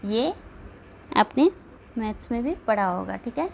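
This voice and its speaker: A woman's voice: a little high, a little slow, vocal fry, slight background noise, rough recording. A woman teaching an exam-prep spelling lesson, reading out the answer options one by one and checking in with her students after each point. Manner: steady, checks in with repeated "ठीक है".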